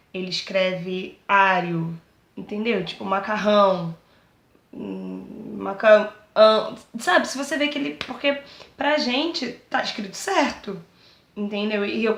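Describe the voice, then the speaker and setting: A woman's voice: mid-range voice, roomy sound. A Brazilian woman talking casually and earnestly about her own life, often checking that listeners understand. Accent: Brazilian Portuguese. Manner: chatty, keeps asking "entendeu?"; earnest and pleading when addressing teachers. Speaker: vlogger speaking about her dyslexia. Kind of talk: casual personal talk to camera.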